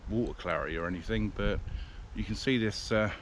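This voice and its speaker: Low-voiced British man walking outdoors. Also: brisk, slight background noise. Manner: rambling, hesitant, many fillers. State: out of breath. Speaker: vlogger reviewing a camera. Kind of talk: casual walking vlog. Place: outdoors in the countryside, walking by a river. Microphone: action camera's built-in mic.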